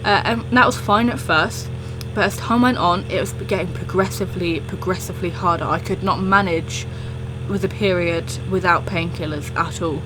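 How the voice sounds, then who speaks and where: Lower-pitched young woman rambling casually. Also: normal speed, over music, low-quality recording. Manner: rambling, self-interrupting. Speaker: storytelling video creator. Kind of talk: casual storytime chat.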